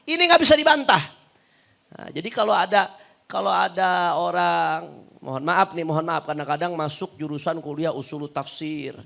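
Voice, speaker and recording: A male preacher gives a religious lecture with a bright, forceful tone and a voice that sits somewhat high for a man. He is animated, rising to loud emphatic peaks before dropping into quiet, muttered lists. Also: moderate pace, gravelly. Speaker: Islamic preacher and teacher.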